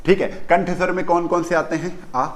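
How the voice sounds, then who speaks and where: A man's voice: high voice, level tone, a little fast. A man teaching a grammar lesson in Hindi, who repeats key terms and keeps asking the children questions. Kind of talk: classroom lesson on pronunciation.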